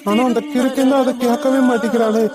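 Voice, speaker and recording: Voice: mid-range voice, fairly even intonation, quick pace, over loud music, lightly acted. A performer voicing a caring older brother who consoles his crying younger sister in a village cartoon. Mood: consoling. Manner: soothing, consoling. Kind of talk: cartoon voice acting.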